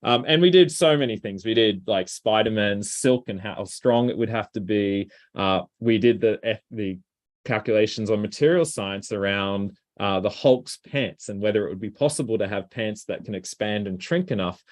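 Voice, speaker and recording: A middle-aged man presents a talk in a relaxed, conversational tone, often pausing with ums and restarting his sentences. His voice sits somewhat low. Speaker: robotics researcher giving a talk.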